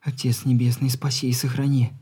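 A man's voice: mid-range voice, flat delivery, fairly quick, dark tone, slightly rough, pitched above the performer's own voice. A man reading an audiobook, voicing a confident young granddaughter in a firm whisper. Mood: firm, pleading.

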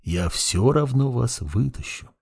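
A man reading the part of a centuries-old undead mage who speaks in a calm, coolly fascinated and softly menacing way. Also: mid-range voice, unhurried, vocal fry, husky, exaggerated voice. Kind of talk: audiobook character reading.

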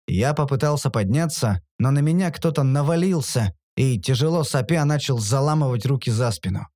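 A man narrates a first-person audiobook, wry and sardonic. His pitch moves a lot and keeps the telling animated. The recording is dry and close-miked. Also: moderate pace, dry recording.

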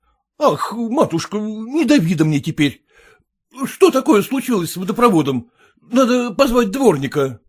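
A man reading a story aloud, voicing a flustered middle-aged gentleman, a husband with a blustering, bewildered manner. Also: high voice, sing-song, moderate pace, husky, pitched below the performer's own voice, heavily acted. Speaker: character in a read story.

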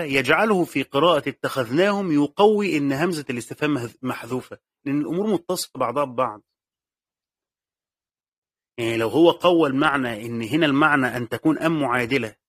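Fast-talking Egyptian man teaching a lesson. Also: medium pitch, a bit bright, dry recording, studio quality. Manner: explanatory, repeats phrases, asks and answers own questions. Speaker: teacher of Quranic exegesis. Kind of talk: classroom lesson commentary.

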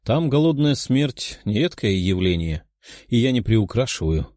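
A man's voice: lowish voice, very animated, normal speed, darkish tone, dry recording, clean studio sound. A man voicing a polite, earnest young nobleman who speaks formally. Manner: formal, courteous.

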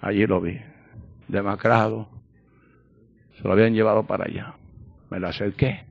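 Pastor preaching, gravelly voice, dry dull lo-fi sound, gets loud then goes quiet. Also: male voice, fairly low pitch, level tone, moderate pace, dry recording. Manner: emphatic, swings from loud proclamation to quiet personal storytelling. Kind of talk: sermon.

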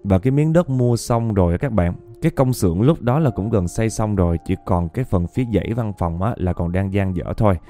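A man's voice: on the low side, fairly quick, hardly any pauses, warm tone, soft background music. A man narrating ghost stories in a chatty way, often speaking straight to his listeners. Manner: chatty, keeps addressing listeners. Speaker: storyteller.

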